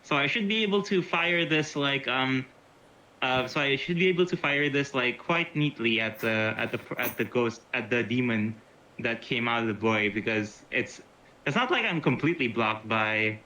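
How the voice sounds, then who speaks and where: A man's voice: medium pitch, normal speed, bright, forceful tone, a little hiss or hum. A man playing in a tabletop game, talking casually and hesitantly, often restarting and swearing. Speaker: player. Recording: dull lo-fi mic.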